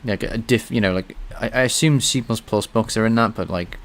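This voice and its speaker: This English-speaking streamer codes live, voicing his thoughts and responding to viewers in casual chat. His voice is fairly low and his delivery a little fast.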